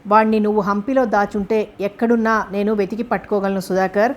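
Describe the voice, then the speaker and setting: A determined, earnest grown man from an audiobook thriller, read by a woman narrator. He speaks with defiant resolve. The voice stays at a middle pitch. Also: steady tone, fairly quick, lightly acted.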